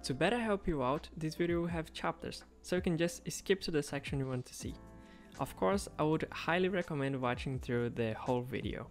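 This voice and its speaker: A web developer vlogger, a man whose native language is Portuguese, narrates a coding project in an upbeat, casual voice-over. His voice is on the high side and fairly quick, with soft background music playing beneath it.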